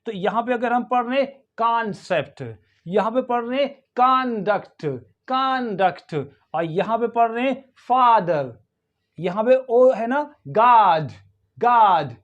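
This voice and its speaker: A man with an Indian accent teaching English pronunciation in a video lesson, saying each word slowly and repeating it for practice. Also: very high voice, lively intonation, fairly bright tone, highs cut off. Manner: slow, repeats words for drilling, mixes Hindi and English.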